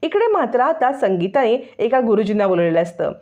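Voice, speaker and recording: A woman narrating a TV serial recap in an expressive storytelling way. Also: on the high side, a little fast. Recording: dull lo-fi audio.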